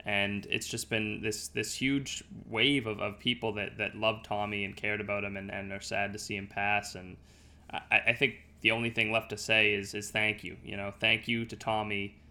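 A man's voice: lowish voice, level tone, normal speed, gravelly, pushed and bright. A man hosting a sports podcast in a conversational style.

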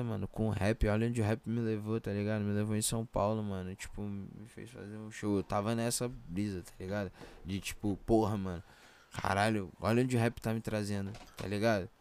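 A man's voice: lowish voice, steady tone, fairly quick, darkish tone, smooth. A young man with a Brazilian Portuguese accent telling anecdotes in casual, slangy chat full of verbal tags. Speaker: rapper, podcast guest.

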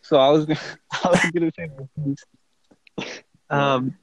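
A young man co-hosting a podcast over his phone and earphones, telling a story in a laid-back, halting way. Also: fairly high pitch, fairly even intonation, dry recording, low-quality recording. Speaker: podcast co-host. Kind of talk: casual chat. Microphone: earphones on a phone call.

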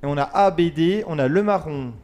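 A man's voice: fairly high pitch, fairly quick, darkish tone, muffled recording, faint music behind. A man hosting a casual radio quiz, reading multiple-choice questions, counting down and joking with his co-hosts. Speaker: quiz host.

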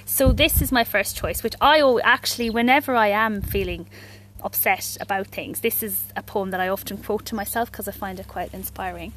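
An Irish woman co-hosting a podcast, talking in a reflective, casual way with frequent restarts, and reading poetry aloud. Her pitch sits at a middling height for a woman. A steady hiss of noise runs under the recording. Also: brisk, low-quality recording. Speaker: podcast co-host.

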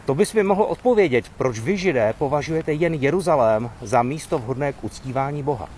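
A man's voice: mid-range voice, expressive, a little mellow, a little hiss or hum, pitched above the performer's own voice, close to an everyday voice. Doubtful village woman at a well, guy reading her part, asks a lot, voice goes up and down. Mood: questioning. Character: skeptical village woman drawing water.

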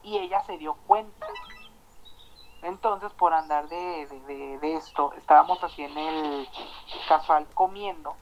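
A man with a Mexican accent telling a story in casual chat, animated and swearing, acting out the dialogue. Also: a little high, measured pace, lo-fi sound, slight background noise.

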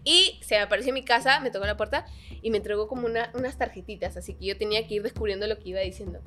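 A woman's voice: medium pitch, racing. A young woman co-hosting a casual chat, telling a personal story and acting out the dialogue with animation. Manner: animated, laughs while telling stories, acts out dialogue. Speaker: podcast co-host.

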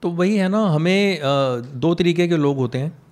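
A man's voice: on the high side, moderate pace, darkish tone. A man, an English teacher with a slight Punjabi accent, chatting casually and telling stories while mixing Hindi and English. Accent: Punjabi-tinged English. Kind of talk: casual conversation.

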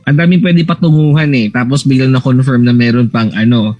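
A man's voice: medium pitch, steady tone, a little fast, a little mellow, lo-fi sound, faint music behind. A man hosting a casual chat show, talking in an easygoing way and switching to English phrases. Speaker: podcast host.

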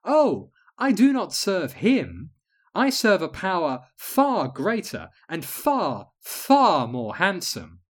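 A man voicing a serene, dreamy witch who speaks slowly and calmly. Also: sits high, voice pushed up, exaggerated voice. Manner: slow, soft-spoken, serene.

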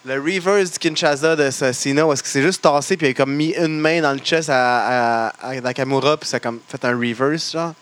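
A man with a Quebec French accent co-hosting a podcast, chatting excitably about wrestling and swearing casually. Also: medium pitch, a little fast, hardly any pauses, clear, resonant tone. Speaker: podcast co-host.

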